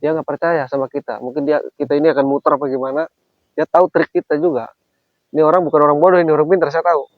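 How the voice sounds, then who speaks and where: A man talking fast in a fairly high voice, pressing a stranger with question after question and heaving exasperated sighs. The sound is dull and lo-fi, and the voice sits close and dry. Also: steady tone, no room sound. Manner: insistent repeated questioning. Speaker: vlogger. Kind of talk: confrontational vlog on the move. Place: outdoors on a hill trail.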